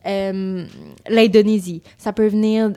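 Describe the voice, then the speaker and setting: A woman's voice: medium pitch, fairly even intonation, takes it slowly, warm tone. A woman, a guest chatting loosely on a podcast, full of filler words and slipping into English. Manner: loose and rambling, heavy use of filler words, slips into English. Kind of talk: casual chat.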